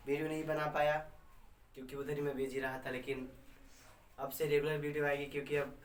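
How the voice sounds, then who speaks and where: A man teaching grammar to camera, feeling a little unwell, who keeps checking in with "है ना" and slows down to dictate rules. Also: mid-range voice, roomy sound, recorded from a distance, slight background noise. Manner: repeats "है ना" and "है कि नहीं" as checks, speaks slowly while dictating. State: slightly unwell, voice a little changed. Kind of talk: classroom-style lesson to camera.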